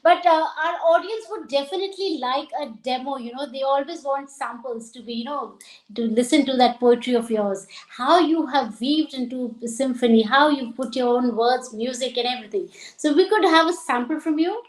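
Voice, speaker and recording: A woman's voice: sits high, normal speed. A woman hosting an interview, affirming her guest and echoing his words back as he talks. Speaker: interview host. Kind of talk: casual conversational interview.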